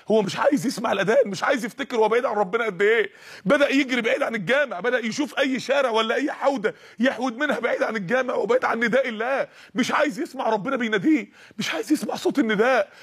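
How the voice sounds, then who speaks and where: A man's voice: sits high, a bit bright, slightly rough. A man with an Egyptian Arabic accent telling a dramatic religious story, with rhythmic, repeated phrases.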